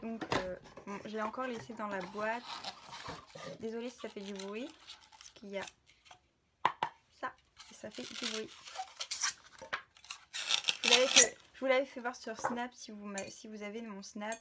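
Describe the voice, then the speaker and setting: A young woman chatting to her camera in a relaxed vlog, sharing gift ideas. She talks informally and hesitates a lot, filling the gaps and circling back to restart her sentences. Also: a little high, moderate pace, long pauses, very noisy. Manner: hesitant, many filler sounds and restarts. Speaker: vlogger. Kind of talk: casual gift-idea vlog.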